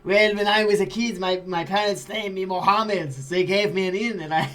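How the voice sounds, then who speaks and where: A man's voice: high-pitched, steady tone, moderate pace, fairly bright tone. A man voicing a bigoted male spy in a put-on New York accent, rambling and conspiratorial.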